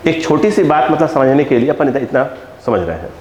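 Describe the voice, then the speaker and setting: Lively-pitched man teaching in an echoey classroom. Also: a little fast. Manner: quizzing students, scolding and joking. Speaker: physics teacher. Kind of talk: classroom lecture. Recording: echoey hall, faint background hum.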